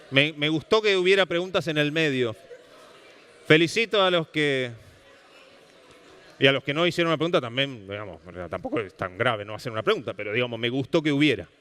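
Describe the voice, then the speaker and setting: A man with an Argentine Rioplatense accent giving a public lecture, animated and often checking in with the audience. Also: medium pitch, normal speed, smooth. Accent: Rioplatense Spanish. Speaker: speaker giving a public talk on language. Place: lecture hall at a cultural center. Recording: long reverb of a hall.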